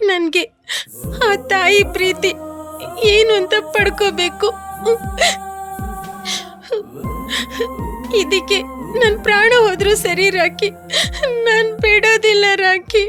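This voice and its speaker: Scared young woman in a dubbed movie, super high voice, teary and pleading. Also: normal speed, pauses often, music in the background. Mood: tearful. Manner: tearful, pleading. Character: frightened young woman, orphan, weeping over her brother. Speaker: dubbing actor. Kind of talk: dubbed film dialogue.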